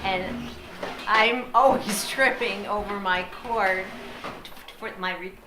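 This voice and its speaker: A woman's voice: medium pitch, takes it slowly. A woman chatting casually and unscripted about her own workspace, as the client being helped. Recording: echoey room with clear background noise.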